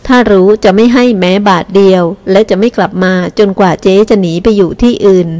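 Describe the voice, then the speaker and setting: Female audiobook reader, first-person novel, steady even narration. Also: medium pitch, a little fast.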